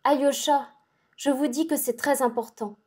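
Woman reading feverish young girl, breathless and intense, highish mellow voice, audiobook. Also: fairly even intonation, moderate pace, lightly acted. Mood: pleading.

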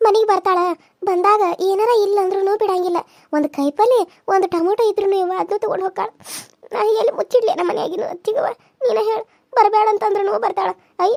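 A woman's voice: very high voice, steady tone, quick pace, no room sound, clean studio sound. A woman voicing a young widowed village mother who pleads and sobs as she complains, with a North Karnataka accent. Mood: sobbing. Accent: North Karnataka Kannada. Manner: tearful, pleading, sobbing complaint. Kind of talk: cartoon serial dialogue.

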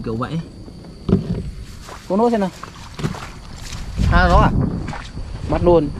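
A young man, hosting an outdoor video and exclaiming loudly in amazement while digging in a field. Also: a little high, noisy background. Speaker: video host. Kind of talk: excited outdoor commentary. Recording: background music over field audio. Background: background music.

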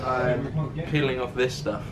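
With crowd noise in the background, a young man with a British accent talks a little slowly in a mid-range voice with little pitch movement. He's a car vlogger chatting casually on a handheld camera about working on a car in a garage and driveway, and the audio is noisy.

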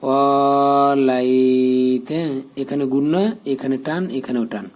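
A man teaching a prayer, rattling off letter-by-letter spelling and then drawing each joined phrase out in a slow chant. His voice is mellow and dark, with little rise and fall. The delivery is patient and methodical. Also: mid-range voice, little pitch movement. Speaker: Quran recitation teacher. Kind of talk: spelling out and reciting Arabic prayer.

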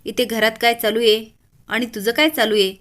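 A woman's voice: fairly high pitch, steady tone, moderate pace, fairly bright tone, natural voice. A woman voicing a scornful, scheming female relative who mocks and scolds. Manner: scolding, mocking.

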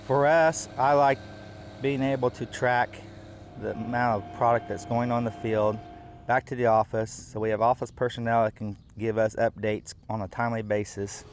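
A man's voice: medium pitch, flat delivery, normal speed. A middle-aged farmer talks plainly about his work, using easy fillers. His voice sits in a middle register. Faint outdoor noise runs behind him. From United States. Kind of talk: on-camera interview.

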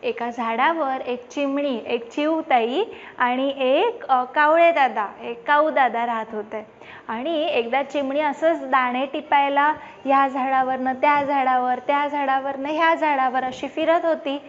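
A woman's voice: high-pitched, fairly even intonation, measured pace. A woman telling a children's story, asking the little listener questions as she goes. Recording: dull lo-fi with faint background noise.

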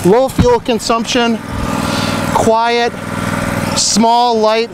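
A middle-aged man with a notably high voice, a product manager walking through a demonstration step by step with upbeat energy. He is recorded outdoors on a clip-on mic, and a generator engine runs loudly behind him. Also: completely flat delivery, very slow, background noise. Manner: upbeat step-by-step explaining while welding. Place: outdoor paved lot beside open fields. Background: running generator engine.

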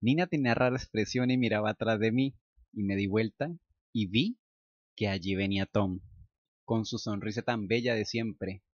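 A man narrating a first-person romance story, bursting into frantic, high inner monologue. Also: normal speed, dry recording. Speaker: story reader. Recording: dull, dry lo-fi recording.

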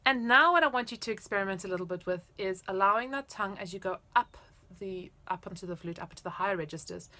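A woman's voice: mid-range voice, fast, bright, forceful tone. A woman in her thirties giving casual, explanatory and encouraging music instruction to camera. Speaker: flute teacher. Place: indoors, small room at home.

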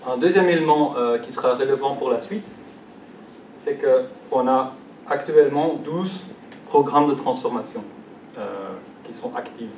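A young man speaks in a mid-range, darkish voice at a measured pace, his Belgian French accent showing that French isn't his first language. He's presenting at a conference in a large hall, full of fillers and restarts. The distant mic picks up the echoey room and slight background noise.

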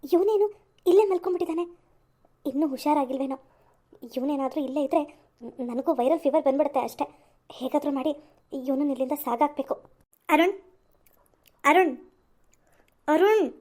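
A woman's voice: high-pitched, a little fast, pauses often, warm tone, pitched below the performer's own voice, lightly acted. A woman voicing a scheming young woman who sweet-talks a married colleague in a cartoon. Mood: scornful. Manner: sweet-talking, wheedling, then cold and selfish.

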